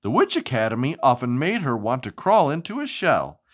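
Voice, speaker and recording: During a children's storytime, a low-voiced woman reads with hugely animated, expressive, sing-song delivery, moving a little fast. She pauses the story to chat with a child, asking questions as she goes.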